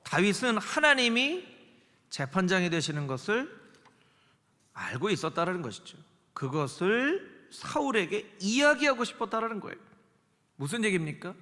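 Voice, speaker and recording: A man's voice: sits high, big pitch swings, normal speed, pushed and bright. A male pastor preaching a Sunday sermon, dramatically acting out the voices he quotes. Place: large church sanctuary. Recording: long church hall reverb.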